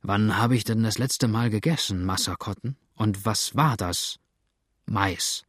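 A man's voice: fairly low pitch, measured pace, a bit bright, no room sound, clean studio sound. A man voicing a hungry, bitter male runaway who talks in an agitated, complaining way.

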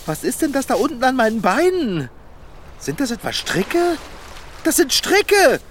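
A jittery, fretful companion from a radio play, played by a performer, who panics at every small thing. The speech is slow and drawn out, with a lively, bouncing pitch. The recording has a steady background hiss. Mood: alarmed. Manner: slow, easily panicking, calls for help. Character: jumpy, fretful beach companion.

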